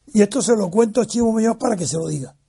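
A man's voice: sits high, fast, creaky, breathy edge. An older man being interviewed, telling a long personal anecdote and acting out the voices of the people in it. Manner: animated, acts out quoted voices. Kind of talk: storytelling recollection.

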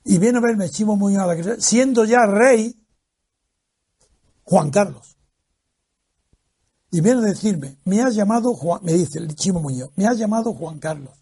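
Older man with a high, husky voice. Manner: animated, acts out quoted voices. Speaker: interviewee. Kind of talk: storytelling recollection.

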